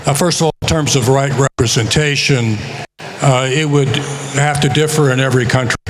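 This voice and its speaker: An American author giving a conference talk is losing his voice, yet keeps a steady tone at an ordinary pitch. He speaks in a measured way with frequent pauses and filler words, and a noticeable hum of room noise runs beneath him.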